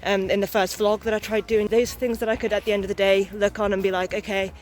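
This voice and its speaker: A woman's voice: medium pitch, level tone, fast, faint music behind, poor audio. A young adult woman chatting candidly and in a rambling way for a casual vlog while out walking outdoors. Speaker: vlogger, new mother. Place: outdoors on a walk.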